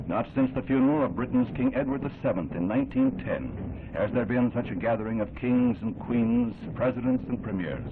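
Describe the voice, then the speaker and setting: A man giving solemn, measured, formal narration in an old 1960s newsreel. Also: mid-range voice, expressive, background noise. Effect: old 1960s newsreel sound. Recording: thin narrow-band old film audio with music underneath.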